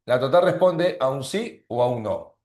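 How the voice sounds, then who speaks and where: A man teaches a grammar lesson at an unhurried, deliberate pace, repeating each term and tagging his points with quick checks. His voice sits at a middle pitch and carries the echo of a roomy space. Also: darkish tone. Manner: explains slowly, repeats terms, frequent "¿no?". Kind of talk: online grammar class.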